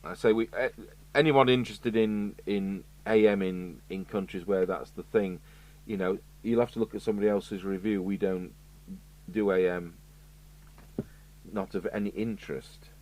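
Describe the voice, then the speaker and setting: Fairly low and darkish, this man's voice holds a steady tone at normal speed in a low-quality recording. He's a British radio repair technician presenting a review, thinking aloud in a casual, matter-of-fact, musing fashion. The indoor electronics workshop adds clear background noise and an electrical hum.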